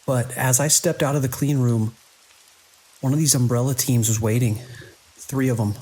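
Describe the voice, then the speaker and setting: In a horror audio drama, a male actor plays a beleaguered, idealistic hospital director, sounding shaken and haunted as he speaks earnestly and urgently in halting phrases. His mid-range voice is steady, mellow and husky, close to an everyday voice, and the recording is rough.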